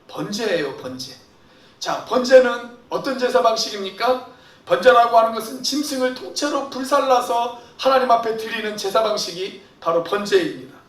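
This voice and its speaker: A man's voice: very high-pitched, normal speed. A man preaching a Sunday sermon as a pastor, who asks the congregation questions and answers them himself. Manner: acts out imagined prayers and quotes in a raised voice. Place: church sanctuary. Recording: echoey church hall, voice from far off.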